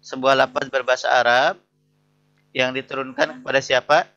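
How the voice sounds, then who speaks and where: A man, teaching an interactive lesson: he reads Arabic phrases slowly, explains each, and keeps checking with his students. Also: medium pitch, level tone, vocal fry, pushed and bright, lo-fi sound. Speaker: lecturer.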